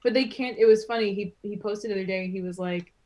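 A woman's voice: mid-range voice, fast. A woman guest on a podcast, chatting casually and telling stories with lots of laughter. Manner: animated, laughing storyteller. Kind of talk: casual chat.

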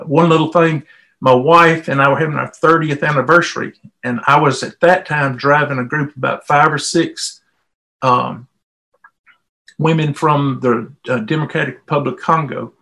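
A middle-aged man's slightly bright voice sits on the high side, carrying a Southern US accent. He's a volunteer interviewee telling his own stories in a relaxed, folksy style.

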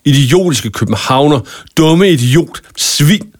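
A man's voice: fairly high pitch, animated, no echo, clean studio sound, voice pushed up. A man voicing an enraged young girl who screams in angry outbursts. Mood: furious. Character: furious young schoolgirl, fiery temper.

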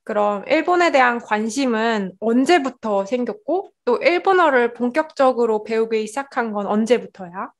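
A woman's voice: fairly high pitch, animated, moderate pace, few pauses. A young adult woman from South Korea acting as interviewer in a casual, informal chat.

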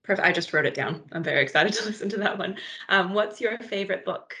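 A woman co-hosting a podcast, asking interview questions with enthusiastic, quick affirmations. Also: medium pitch, sharp tone. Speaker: podcast co-host. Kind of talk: casual interview chat.

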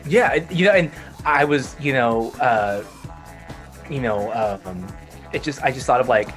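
A man's voice: mid-range voice, measured pace, a bit bright, faint music behind. A man with a Texan accent, co-hosting a casual podcast chat and rambling with lots of fillers and restarts. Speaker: podcast co-host.

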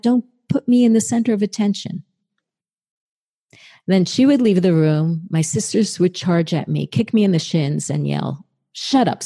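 A woman's voice: fairly low pitch, dark tone, breathy edge. A woman telling a personal story in a conversational way, with many fillers. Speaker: speaker sharing a personal story. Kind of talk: storytelling talk.

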